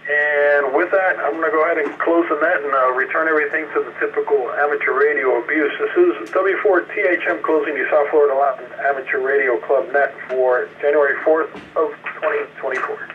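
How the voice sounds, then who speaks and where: A man with a fairly high voice, running a ham radio net and signing off casually. He comes through a thin, tinny radio channel with a faint hiss of static. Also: fairly even intonation, a little fast, hardly any pauses. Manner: easygoing, chatty, with filler words. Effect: heard over a ham radio transmission with static.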